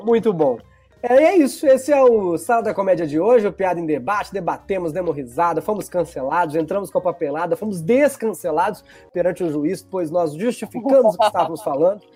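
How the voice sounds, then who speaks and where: A man's voice: sits high, warm tone, breathy edge. A man hosting a casual comedy panel, bantering and joking between the jokes. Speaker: host.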